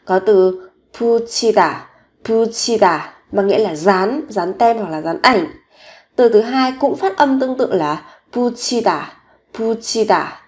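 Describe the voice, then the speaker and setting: A woman teaching Korean vocabulary in a recorded lesson, slowly repeating each word several times. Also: a little high, expressive.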